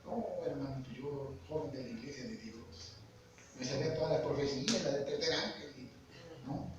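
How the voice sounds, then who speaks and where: A man's voice: mid-range voice, steady tone, moderate pace, dull audio. A man preaching a sermon, earnestly asking the congregation questions. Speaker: lay preacher. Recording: echoey hall, far-off mic, background noise.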